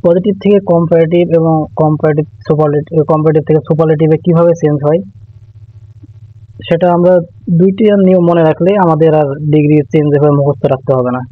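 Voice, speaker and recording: A man teaching English grammar in an online lesson, patient and repeating the key rules, sometimes pausing to think aloud. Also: fairly high pitch, fairly even intonation, no echo. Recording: tinny phone-like sound.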